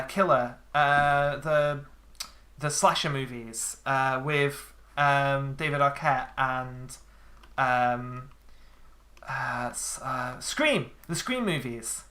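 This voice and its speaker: A woman streaming a game, chatting casually with a friend, swearing freely and filling pauses with ums. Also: sits low, fairly bright tone. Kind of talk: casual chat while gaming.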